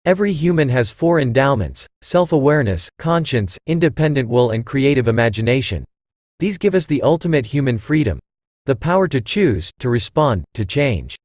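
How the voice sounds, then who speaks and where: Deep, firm male narrator, dry sound. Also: big pitch swings, moderate pace, darkish tone, dry recording. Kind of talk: scripted narration of motivational quotes.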